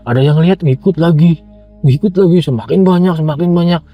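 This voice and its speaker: Middle-aged Indonesian male storyteller, casual and animated with quoted dialogue, lo-fi sound over a soft music bed. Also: a little high, brisk. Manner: animated retelling with acted-out quotes. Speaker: guest telling his own story. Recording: dull lo-fi audio with background music.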